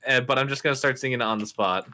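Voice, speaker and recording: A man's voice: medium pitch, very fast, pushed and bright, slight background noise. A man joking around with friends over voice chat while gaming, playful and pushing a running gag. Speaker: friend playing the game.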